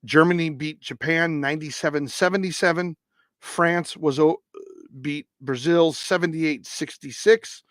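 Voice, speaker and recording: Man reading scores slowly and haltingly. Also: a little high, a bit bright, no echo, clean studio sound. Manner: reads scores haltingly, stumbles over foreign names. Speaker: sports results host. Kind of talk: live-stream results roundup.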